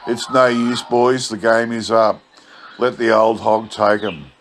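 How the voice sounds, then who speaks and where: A man's voice: fairly low pitch, level tone, measured pace. Man voicing a crafty drover, outback drawl. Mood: sly, satisfied. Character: crafty male cattle drover feigning humble sincerity. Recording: clear background noise.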